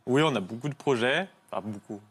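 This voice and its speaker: A man's voice: medium pitch, expressive, quick pace, fairly bright tone. A young man, a guest on a TV talk show, giving short hesitant answers with many fillers.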